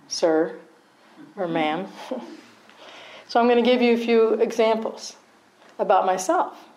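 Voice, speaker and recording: Middle-aged woman, meditation teacher, chatty dharma talk, mid pitch. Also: a little mellow, rough recording. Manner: conversational, checks in with "right?", laughs at herself.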